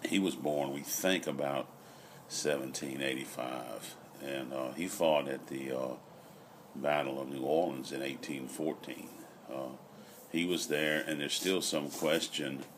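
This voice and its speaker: A middle-aged man chats casually and reflectively, rambling with frequent pauses, recorded outdoors on a patio. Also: a bass voice. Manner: unhurried, rambling, pausing often. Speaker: vlogger. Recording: noisy outdoor ambient recording.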